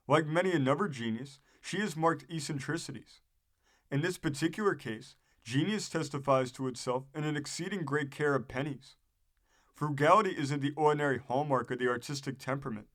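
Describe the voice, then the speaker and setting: A man's voice: a little high, fairly bright tone. A man reading an old newspaper story aloud as scripted narration, as the host of a history program.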